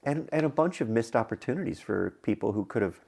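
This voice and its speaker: A man's voice: medium pitch, quick pace, vocal fry, slightly rough. A man co-hosting a podcast, chatting casually, rambling with lots of fillers and getting worked up when he rants. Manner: rambling, hedging with fillers, animated when ranting. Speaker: podcast co-host. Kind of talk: casual chat.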